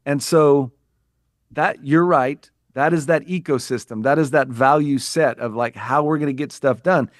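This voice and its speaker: Clean studio audio without room sound captures an American man's mid-range voice at a normal pace. A business coach on a podcast, he answers interview questions in an earnest, reflective way, restarting often and repeating phrases.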